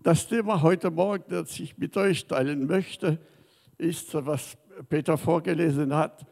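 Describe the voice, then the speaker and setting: Slow high-voiced preacher in a reverberant hall. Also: male voice, gravelly. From Madagascar. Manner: non-native German with small grammar slips, swings from soft to loud. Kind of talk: sermon. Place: church hall. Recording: long reverb of a church hall.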